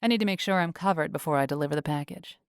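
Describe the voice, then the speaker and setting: A cool-headed woman agent keeping her story straight under pressure, as the narrator reads her. Her voice is a touch low and close to the mic in a dry room. She speaks calmly and evasively. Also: very fast, smooth, no echo, lightly acted.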